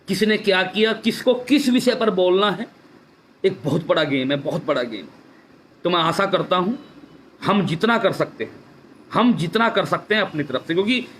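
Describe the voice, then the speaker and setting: Fervent high-voiced man on a live stream. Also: fairly bright tone, slight background noise. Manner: fervent, repetitive, rhetorical questions. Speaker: activist speaking on a Facebook live stream. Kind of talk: impassioned live-stream address. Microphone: phone or webcam for a live stream.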